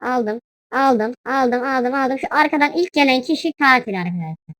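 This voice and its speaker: A young woman with a high, bright voice talks playfully over her own gameplay, now and then shrieking when something startles her. The recording is dry and close, with no room sound. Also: normal speed, no echo. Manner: playful, shrieks and yelps at scares. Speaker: gaming YouTuber. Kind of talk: casual gameplay commentary.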